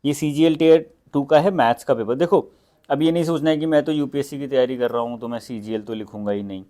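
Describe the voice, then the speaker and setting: A man's voice: mid-range voice, fast talker, dark tone. A young Indian man teaching exam preparation in a casual, conversational way, mixing English phrases into Hindi with frequent fillers. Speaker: exam prep educator. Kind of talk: casual instructional talk.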